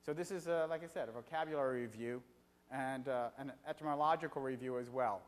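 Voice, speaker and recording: A middle-aged man giving an evening lecture in a conversational way, pausing often on filler sounds. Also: medium pitch. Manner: conversational, frequent filler pauses. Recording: reverberant hall.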